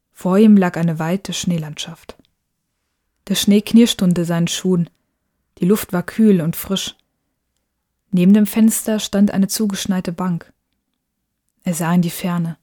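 Warm-toned woman narrating a story. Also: on the low side. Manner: calm, measured and hushed.

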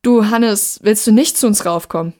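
A woman's voice: mid-range voice, normal speed, a little mellow, close to an everyday voice. A woman reading aloud and voicing a young female student who urges her friends to be careful, in a raised, pressing tone. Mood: urgent.

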